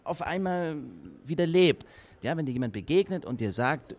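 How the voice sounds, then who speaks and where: A man's voice: fairly high pitch, expressive, moderate pace, a little mellow, close to an everyday voice. An actor in a radio play voicing an earnest man who presses another man on whether true love can still happen. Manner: earnest, searching, insistent questions.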